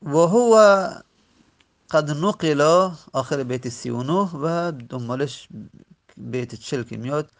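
A man teaching an Arabic grammar lesson, reciting verb forms slowly and repeating them, pausing often and correcting himself. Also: a little high, lively intonation, gravelly. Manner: slow, repetitive recitation of word forms; self-correcting, with frequent pauses.

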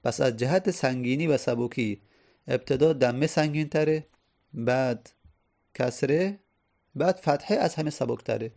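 A man's voice: mid-range voice, long pauses, a little mellow. A male teacher explaining grammar step by step. He repeats key phrases and sounds out vowels to demonstrate. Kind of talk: Arabic grammar lesson.

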